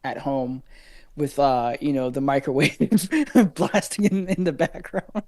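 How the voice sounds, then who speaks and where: A man's voice: medium pitch, slow, a little mellow. A young man guesting on a casual movie review, rambling with lots of fillers, slang and swearing.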